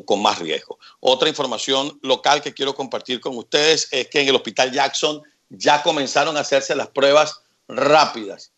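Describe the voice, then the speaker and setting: A man hosting a live Spanish-language news broadcast, chatty, with wry asides and details repeated slowly for viewers. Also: medium pitch, fairly bright tone. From Venezuela. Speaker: news host.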